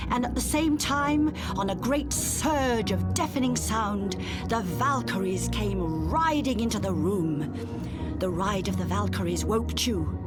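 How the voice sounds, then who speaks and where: A woman with a fairly high voice narrates a scripted ghost story for an audiobook, telling it dramatically and with suspense.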